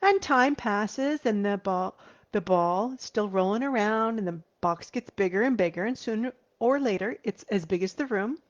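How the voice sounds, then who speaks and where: A woman in her forties, a grief therapist, speaking earnestly to viewers, slowing down and dropping to a soft whisper for emphasis. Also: medium pitch, expressive. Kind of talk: heartfelt talk to viewers. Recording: slightly dull lo-fi recording.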